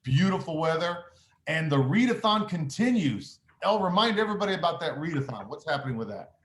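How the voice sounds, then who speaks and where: A man's voice: on the high side, sing-song, brisk, fairly bright tone. A man giving upbeat school intercom morning announcements as principal, encouraging, with frequent "uh" fillers. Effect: school intercom announcement sound. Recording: echoey room with faint noise.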